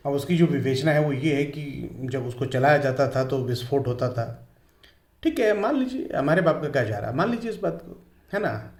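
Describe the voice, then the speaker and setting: A man's voice: medium pitch, animated, a little mellow. Hindi-speaking man teaching physics, echoey room. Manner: explains slowly, stresses each pronunciation in English. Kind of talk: classroom lecture.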